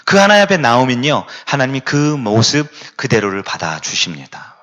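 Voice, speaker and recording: A man's voice: medium pitch, big pitch swings, normal speed, fairly bright tone. A man preaching a Sunday morning sermon in a church, asking the congregation rhetorical questions and sometimes dropping to a whisper for emphasis. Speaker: pastor. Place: church sanctuary.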